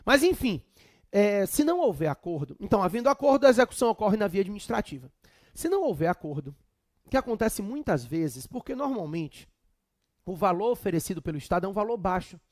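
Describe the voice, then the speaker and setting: Lively Brazilian man teaching law. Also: sits high, brisk, dry recording, studio quality. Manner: lively, chatty, humorous asides. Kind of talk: exam prep lecture with anecdotes.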